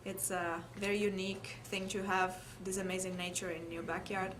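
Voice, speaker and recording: A mid-range female voice with flat delivery and moderate pace belongs to an Italian woman recounting her past in an oral history interview. She speaks with an Italian accent, and clear background noise and room ambience fill the recording.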